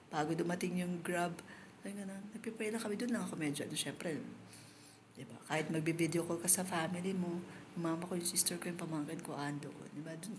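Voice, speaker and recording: A woman's voice: lowish voice, a little hiss or hum. Chatty woman on a live stream. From Philippines. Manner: chatty and emotional, talking straight to viewers. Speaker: livestreamer. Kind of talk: casual live-stream chat. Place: outdoors.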